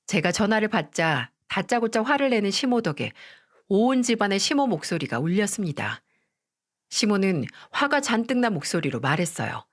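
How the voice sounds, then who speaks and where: A woman narrating a first-person story for storytelling radio in a confiding, expressive way. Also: medium pitch.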